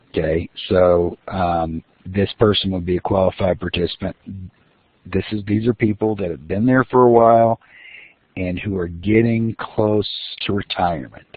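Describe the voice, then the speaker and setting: A deep-voiced man delivers a recorded lecture as the instructor, walking through the material step by step with fillers and restarts. The audio is dry and lo-fi, almost like a phone recording.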